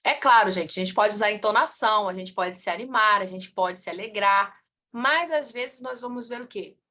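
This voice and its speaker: A woman teaching a class on family constellation, asking the students questions and answering them herself, her voice rising and falling in loudness and speed. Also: medium pitch, moderate pace. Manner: lively, swings in loudness and pace.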